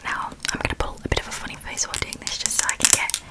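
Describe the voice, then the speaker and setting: Whispering woman, close-mic ASMR. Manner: soft, slow whispering, gentle and reassuring. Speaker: ASMR creator. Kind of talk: ASMR role-play appointment. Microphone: close microphone.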